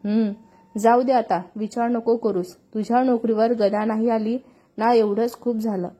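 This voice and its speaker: A woman's voice: a little high, steady tone, a little slow, dark tone, husky. A woman reading a story voices a cheerful young woman who teases her friend. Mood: teasing. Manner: amused, teasing.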